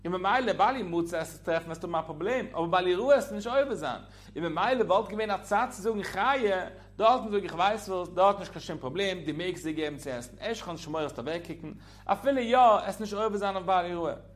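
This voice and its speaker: A man's voice: high voice, fairly quick, hardly any pauses. A man giving a religious law lesson in a sing-song, swooping teaching cadence.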